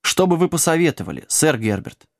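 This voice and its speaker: A man's voice: fairly high pitch, sing-song, fairly quick, dry recording, pitched above the performer's own voice. An anxious, mad male king who speaks with urgency and hurries his questions, as a male narrator puts him on. The audiobook recording is dry and close. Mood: urgent.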